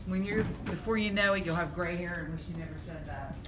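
An older female nurse with a slightly low voice, reassuring and joking as she chats with a patient. The phone recording has clear room noise behind her. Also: fast. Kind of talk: casual chat with a patient. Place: small indoor surgical recovery room. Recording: noisy phone video in recovery room.

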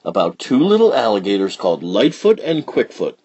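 A man voicing a young girl cousin in a storybook reading, speaking in a high, coy, sing-song way. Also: wildly swooping pitch, fairly quick, a little mellow, husky, lo-fi sound, heavily acted.

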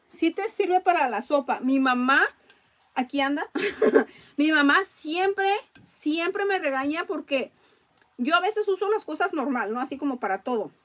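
Lady hosting a live raffle stream, high voice, casual chatter, reads comments out.

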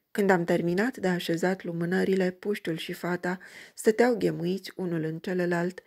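A woman reading a crime story aloud in an even, measured way. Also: lowish voice, gravelly. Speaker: audiobook reader.

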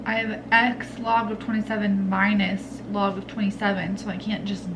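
A young woman vlogging from home as a college student, talking casually and swinging between stressed mumbles and excited chatter. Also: medium pitch, normal speed, background noise. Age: young adult. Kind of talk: casual vlog talk.

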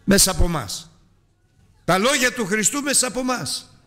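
High-voiced man preaching emphatically. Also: lively intonation, a bit bright. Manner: emphatic, rhetorical questions, drawn-out stresses. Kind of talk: Sunday sermon.

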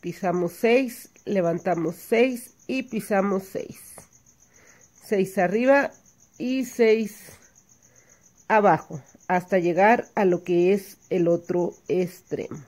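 A woman's voice: medium pitch, slow pace, darkish tone. A woman teaching hand embroidery step by step, patiently counting stitches aloud and checking in with her listeners. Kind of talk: step-by-step craft tutorial.

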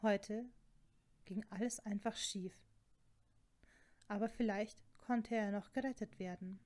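Brief: female storybook narrator, mid pitch, steady and even. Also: slow. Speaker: fan fiction reader.

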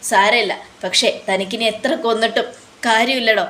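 A woman's voice: on the high side, steady tone, brisk, sharp tone. A woman voicing a vengeful young man who mocks and accuses his enemy in a retold TV serial. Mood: accusing. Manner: mocking, accusing. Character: young man, vengeful and sarcastic toward villain.

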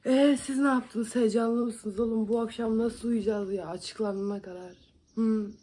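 At home in Van, Turkey, a young beauty vlogger puts on makeup and keeps up a chatty, joking, self-deprecating conversation with viewers. Her fairly high voice is mellow, with fairly even intonation and a moderate pace.

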